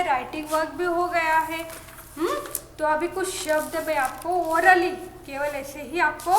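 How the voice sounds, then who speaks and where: A woman teacher giving an online phonics lesson to small children, drawing out syllables slowly and repeating sounds, mixing in phrases. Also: sits high, a bit bright, roomy sound, slight background noise. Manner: mixes Hindi with English phrases. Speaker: kindergarten teacher.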